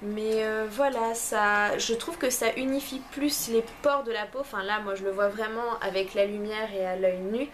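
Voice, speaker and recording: A woman's voice: medium pitch, steady tone, normal speed, hardly any pauses, slight background noise. A young woman casually reviewing beauty products from a subscription box, hesitant, with many fillers and restarts. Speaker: beauty vlogger.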